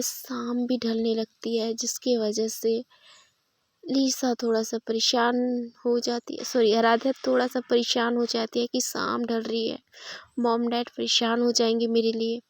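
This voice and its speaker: A woman's voice: on the high side, no room sound. A woman casually retelling a love story episode in a chatty, self-correcting way.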